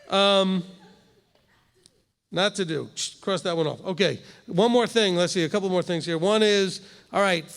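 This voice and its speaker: A high-pitched man with a fairly bright tone speaks in a large hall. He's a rabbi in his fifties, leading his congregation's Torah study in the hall in a conversational manner and often checking in with "okay?"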